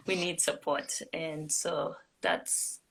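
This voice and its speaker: A woman's voice: low voice, steady tone, extremely slow, creaky, a bit bright, slightly rough, rough recording. A woman hosting a live stream chat, upbeat and encouraging, laughing often. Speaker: host. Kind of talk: casual chat. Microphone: phone on a live stream.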